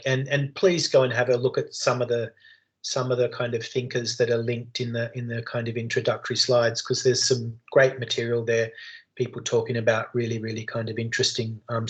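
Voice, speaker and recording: An Australian man teaching an online class over a video call, talking in rambling runs full of fillers, restarts and long chains of adjectives. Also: medium pitch. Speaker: lecturer.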